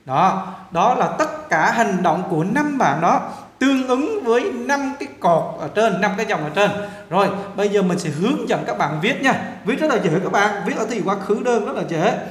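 A man's voice: high-pitched, lively intonation, moderate pace, roomy sound. A man teaching an English lesson with a Vietnamese accent, repetitive and coaxing, often checking in with his viewers. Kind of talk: casual classroom lesson.

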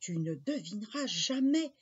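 A woman's voice: medium pitch, sing-song, unhurried, breathy edge, no room sound, full character voice. A woman voicing a bold, cheerful seven-year-old boy in an eager, bouncy voice. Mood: cheeky. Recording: dull lo-fi recording.

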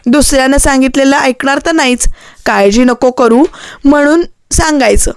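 A woman's voice: high-pitched, normal speed, dry recording, clean studio sound. A woman voicing an angry, protective young man who scolds with reproachful questions in a storybook reading. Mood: scolding.

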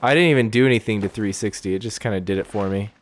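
A man's voice: lowish voice, racing, slight background noise. A man co-hosting a gaming video, joking casually with his friend while playing. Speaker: gaming channel co-host. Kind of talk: casual let's-play banter.

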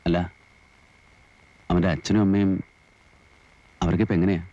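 An actor playing a brooding male convict out on parole who speaks in a low-key, wistful way. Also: level tone, moderate pace, warm tone, muffled recording, lightly acted.

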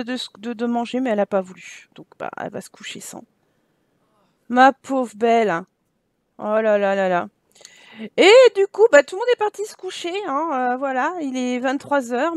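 A high-pitched woman gives relaxed, playful commentary while she plays a game. She talks straight to her characters and teases them. The sound is dry and close, with no room echo. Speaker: gaming YouTuber. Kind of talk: casual Let's Play commentary.

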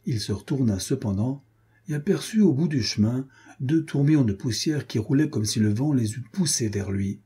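A male audiobook narrator with a very dark, mellow timbre and a husky edge. He reads in a measured, expressive scripted narration at a middle pitch. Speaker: audiobook reader.

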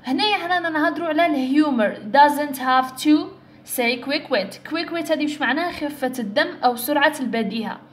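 A young woman with an Algerian Arabic accent tutors students through an English exam. Her voice sits high, and she works patiently step by step. She switches between Arabic, English and a little French, and slows down to read the English lines. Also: slight background noise. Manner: explains step by step, mixing in English and French, reads English slowly. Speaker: English teacher.

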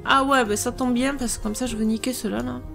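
A woman hosting a let's play, thinking aloud through strategy gameplay in a musing, hesitant way with many pauses. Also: a little high, fairly even intonation, creaky, music in the background.

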